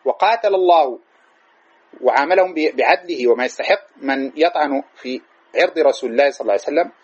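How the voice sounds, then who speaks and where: A man gives a fast religious lesson, racing through old narrations and acting out the quoted lines as he goes. His voice is husky and sits a little high, and the live-stream audio sounds dull and lo-fi. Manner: retells narrations with quoted speech, lively storytelling. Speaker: hadith teacher.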